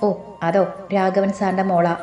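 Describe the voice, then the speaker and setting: A woman's voice: medium pitch, flat delivery, moderate pace, warm tone, highs cut off, lightly acted. A woman voicing a fond, fretful mother. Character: middle-aged mother, fond, worried, gently scolding. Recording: roomy with faint music.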